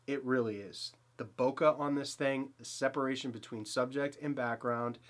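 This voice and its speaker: The tone is steady and the pace moderate in this medium-pitched male voice. A thirtysomething photography channel host with a Boston accent chats eagerly about a portrait lens in his small, dimly lit home studio, rambling and restarting with plenty of fillers in a casual to-camera review.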